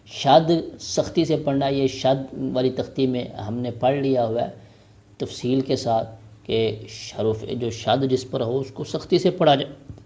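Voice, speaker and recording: A man teaching a Quran recitation lesson, explaining rules and spelling out each syllable slowly before reciting the verse drawn out. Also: mid-range voice, warm tone.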